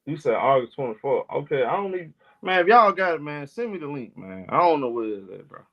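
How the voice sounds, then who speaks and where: Male live-stream host, brash and slangy, a bit high-pitched, lo-fi sound. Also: very animated, fairly quick. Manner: loose, argumentative, slangy, talks back to chat. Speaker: sports talk stream host. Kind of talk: casual live-stream chat.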